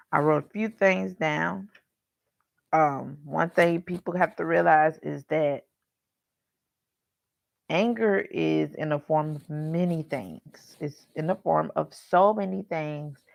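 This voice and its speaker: Gravelly woman giving a frank Bible talk. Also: low-pitched, no echo, studio quality. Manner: frank, chatty, scolding with humor; addresses listeners as y'all. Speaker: Bible study host. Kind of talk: casual livestream Bible talk.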